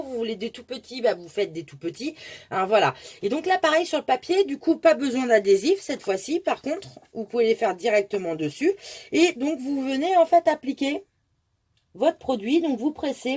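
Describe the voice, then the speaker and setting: A woman with a slightly high voice walks viewers through a craft demonstration. She talks in a relaxed, chatty way, full of small asides and fillers as she explains each step. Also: slightly rough. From France. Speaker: crafting tutorial host.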